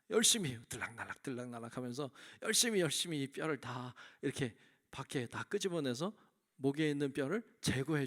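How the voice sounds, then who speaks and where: A male pastor with a gravelly, slightly high voice preaches in a church. He tells a fable in a storytelling manner and keeps asking the congregation questions. His delivery is conversational. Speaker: senior pastor. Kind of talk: sermon.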